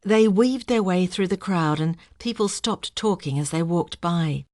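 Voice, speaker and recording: Low-voiced woman narrating. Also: a little slow, a little mellow, no echo, studio quality. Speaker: audiobook narrator. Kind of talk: scripted narration.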